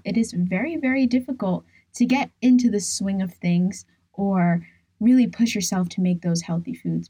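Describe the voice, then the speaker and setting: A woman's voice: medium pitch, dark tone, husky, dry recording, rough recording. A woman hosting a solo podcast in a dry, close voice, explaining things earnestly in a soundproof studio. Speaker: podcast host. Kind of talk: scripted solo podcast talk.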